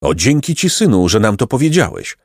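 A man voicing a gentle, devout old mother in a storybook reading. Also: lowish voice, very animated, brisk, no room sound, clean studio sound. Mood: tender. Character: old pious grateful mother.

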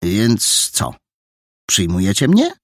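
A man's voice: on the low side, wildly swooping pitch, slow, no echo, studio quality, voice pushed up, full character voice. A man doing an eager chatty girl. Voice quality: eager, cheery. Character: lively, chatty young girl on a bicycle.

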